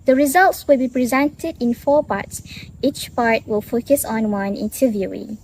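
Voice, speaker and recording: A young woman student narrating the method and results of a class study in a steady, report-like manner. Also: on the high side, unhurried, slight background noise. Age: young adult. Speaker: student presenter. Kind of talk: scripted educational narration.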